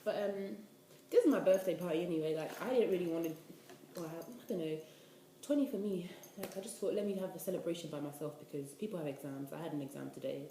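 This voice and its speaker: A woman's voice: fairly low pitch, fast talker, mellow, slight background noise. A twenty-year-old woman, rambling casually to the camera in a vlog, full of "like". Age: 20s. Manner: chatty, rambling, lots of "like". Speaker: vlogger. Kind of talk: casual talking-head vlog. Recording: echoey room.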